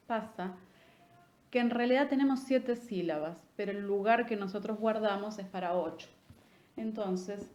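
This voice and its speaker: A woman teaching a literature lesson. She explains patiently, checks in with "¿sí?" and taps out rhythm while reciting verse slowly. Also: medium pitch. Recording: echoey room with faint noise.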